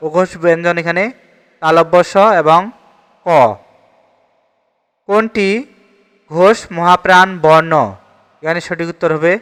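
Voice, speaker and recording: A man's voice: fairly high pitch, steady tone, measured pace, pauses often, fairly bright tone, smooth, long reverb tail. A man with a Bangladeshi Bengali accent teaching an exam-prep grammar lesson, steadily reading each question and repeating the answer.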